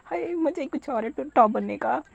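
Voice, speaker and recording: A woman's voice: high voice, fast, mellow, no room sound, dull audio. A woman voicing a playful, bossy young man who teases and insists in a storybook retelling. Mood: smug teasing. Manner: teasing, insistent.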